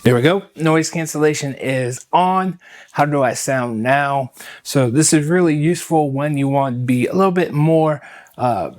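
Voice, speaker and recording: A man giving a casual gear review while his voice runs through noise reduction processing. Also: fairly high pitch. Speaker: product reviewer.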